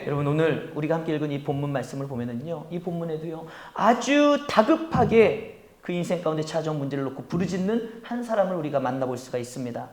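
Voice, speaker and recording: A man preaching a Sunday sermon as pastor, swinging from hushed tones to loud calls to the congregation and acting out pleading prayers. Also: a little high, lively intonation, quick pace. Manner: acts out pleading voices in quoted prayers. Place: church sanctuary. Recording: echoey church hall.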